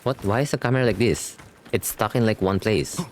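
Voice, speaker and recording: The man's voice is fairly low and brisk, with a little hiss or hum in the audio. He's a streamer giving a casual live reaction to a game story, reading on-screen text aloud over game music and making slangy asides.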